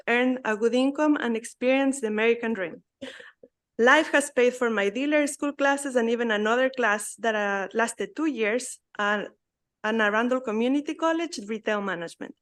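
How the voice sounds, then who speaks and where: A woman's voice: on the high side, normal speed. A woman from Ecuador with an Ecuadorian Spanish accent, a native Spanish speaker, earnestly reading prepared testimony as a public witness.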